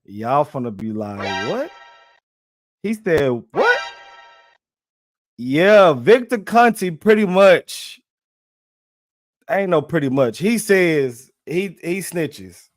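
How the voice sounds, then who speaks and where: A man's voice: a little high, very animated, slow pace, no room sound, clean studio sound, faint music behind. A young man, animatedly hosting a casual livestream and repeating himself as he talks straight to his viewers in slang. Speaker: livestream host.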